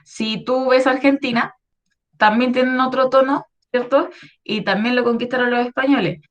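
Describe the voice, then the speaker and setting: The recording is muffled, but her high-pitched voice comes through steady and at a moderate pace. She's a Chilean history teacher teaching schoolchildren in an online class, explaining patiently and checking often that they follow, with frequent "¿ya?".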